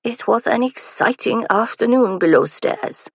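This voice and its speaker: A woman's voice: a little high, lively intonation, unhurried, creaky, slightly rough, no room sound, clean studio sound, pitched above the performer's own voice, full character voice. A woman voicing a grinning, needling man newly arrived in England, teasing and wry, in an audiobook.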